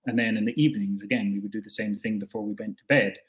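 A young Scottish man, a guest on a video-call interview, answers questions from a room at home. His voice is fairly low and flat, and he talks quickly. He comes across as thoughtful but hesitant, full of fillers and restarts.

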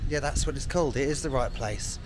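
Faint city traffic and street sounds accompany this UK travel vlogger as he walks outdoors, giving loose, wry commentary and self-deprecating asides. His pitch is medium, and he talks a little fast.

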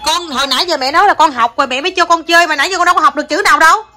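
A woman's voice: extremely high pitch, racing. A mother at home talking to her young child, alternating between teasing and scolding, mixing in English words. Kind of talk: casual home video with child.

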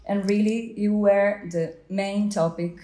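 A young woman, the gallery founder, hosting an interview with eager, halting talk in an art gallery. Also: mid-range voice, fairly even intonation, mellow. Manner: enthusiastic, hesitant with fillers. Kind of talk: interviewer chat. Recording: echoey gallery room.

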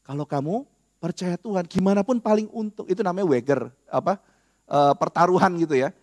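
A man giving a casual, animated classroom lecture on apologetics, talking straight to his listeners. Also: high-pitched, brisk. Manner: animated, conversational, addresses listeners directly.

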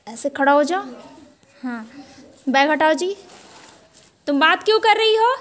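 A high-voiced woman, teaching children at a small home tuition class. She speaks in short, strict commands and keeps the class in line. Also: expressive, measured pace, fairly bright tone. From Jharkhand, India.

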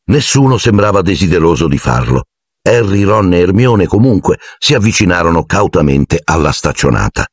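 Brief: male audiobook narrator, low husky voice, lively delivery, dry booth sound. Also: normal speed, dry recording. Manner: expressive storytelling, acting out each character. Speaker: audiobook reader.

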